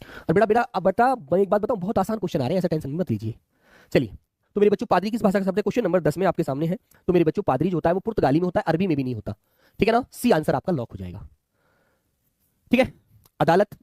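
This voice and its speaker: A man's voice: sits high, lively intonation, racing, mellow, no room sound, clean studio sound. A man teaching a live online exam class, chatty, often calling students his children and asking them to answer.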